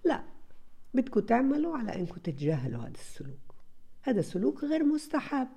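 A woman's voice: fairly high pitch, very animated, fast talker, gravelly, dark tone, husky. A woman, a parenting advisor giving advice to parents and acting out little scenes as she talks.

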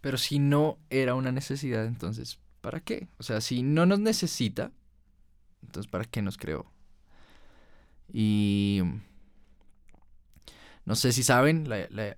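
A young male podcast host delivers an emotional, earnest personal monologue, his voice climbing as he recalls his anger. His mid-range voice is smooth, captured in a dry, clean studio recording.

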